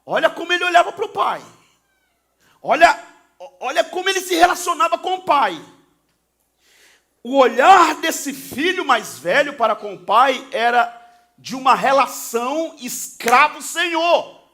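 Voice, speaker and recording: A male pastor preaching a sermon, swinging from soft talk to shouting and acting out quoted lines. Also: extremely high pitch, animated, a little slow, long pauses. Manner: acts out the sons and father in quoted voices.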